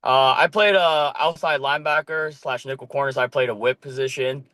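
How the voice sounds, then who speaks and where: A young man born in Korea, a podcast guest talking casually about playing flag football, with a relaxed manner and plenty of ums. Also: mid-range voice, a little fast, no echo. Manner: relaxed, loose, with many ums and casual swearing. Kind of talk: casual chat.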